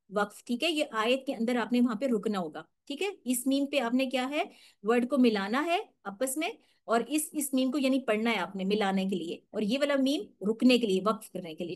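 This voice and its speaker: A woman gives an online tajweed lesson, likely over a video call. She explains each rule patiently, step by step, and slows right down to model drawn-out recitation. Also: on the high side. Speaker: Quran recitation teacher.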